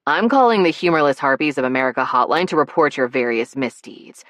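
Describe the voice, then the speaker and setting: Dry-witted, exasperated woman with a low voice, read by the narrator. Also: lively intonation, a little fast, a bit bright, no echo. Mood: mock-stern. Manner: exasperated, sardonic. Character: flustered wry adult woman, dry wit.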